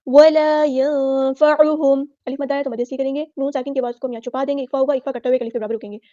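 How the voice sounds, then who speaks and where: A woman's voice: high-pitched, steady tone, rapid-fire, warm tone, no echo, muffled recording. A woman teaching Quran recitation rules in a patient, instructive lesson, repeating each word the right way and the wrong way. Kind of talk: tajweed lesson, word-by-word explanation.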